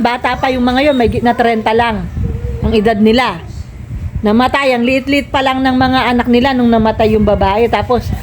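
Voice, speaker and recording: A woman's voice: on the high side, noisy background. Nagging older woman vlogger. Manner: nagging, scolding, rambling. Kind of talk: casual family vlog, scolding.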